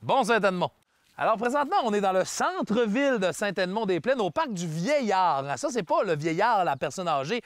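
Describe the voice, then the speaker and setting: A man's voice: sits high, animated, normal speed, dry recording, clean studio sound. A man with a Quebec French accent hosting a comedy tour show outdoors, telling absurd tall tales with a straight face. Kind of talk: jokey guided tour, mock reporting.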